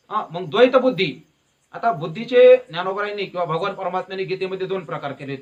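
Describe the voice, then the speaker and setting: A man giving a devotional discourse as a kirtan preacher, telling stories and asking questions that he answers himself. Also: high voice. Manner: lively, asks questions and answers them himself.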